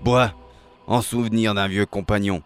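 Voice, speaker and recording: A man voicing a giant old sailor with a gravelly, rum-soaked voice, in a storybook reading. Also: lowish voice, steady tone, normal speed, natural voice. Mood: booming. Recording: faint music behind.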